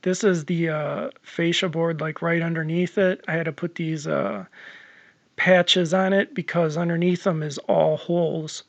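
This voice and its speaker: A man's voice: a little high, measured pace, creaky, dry recording, highs cut off. Rambling man narrating a home-repair vlog. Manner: relaxed, rambling, lots of ums and uhs, swears casually. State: losing his voice. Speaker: homeowner vlogger.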